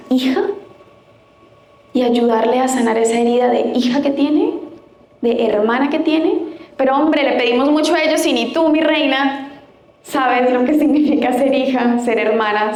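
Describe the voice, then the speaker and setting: A young adult woman giving a lively, playful faith conference talk, often acting out other people's voices. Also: high-pitched. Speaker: conference speaker. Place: large conference hall. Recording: echoey hall with faint room ambience.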